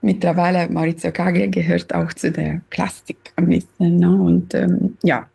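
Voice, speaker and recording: A woman from Sicily with an Italian accent, a pianist talking haltingly as a guest over a video call from home. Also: on the low side, flat delivery, vocal fry, dark tone, slightly rough. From Sicily, Italy. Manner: hesitant, searching for words, laughs often. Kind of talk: casual interview on video call. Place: her home.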